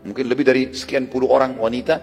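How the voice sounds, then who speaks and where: Male preacher, brisk casual storyteller, reverberant hall, faint music behind. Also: mid-range voice, flat delivery, creaky, darkish tone, slightly rough. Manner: conversational, explains Arabic terms. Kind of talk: storytelling religious lecture.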